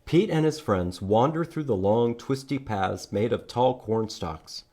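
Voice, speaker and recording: A man leads a library storytime for young kids, reading aloud in an exaggerated sing-song style, prompting them with questions, and doing counting songs. His medium-pitched voice is expressive and a little mellow, and he speaks a little slowly.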